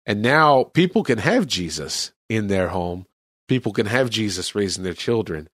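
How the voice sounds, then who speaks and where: A man's voice: on the low side, animated, normal speed, fairly bright tone, dry recording, clean studio sound. A man from California, a missionary, talking earnestly about faith in an interview. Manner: earnest, preacherly.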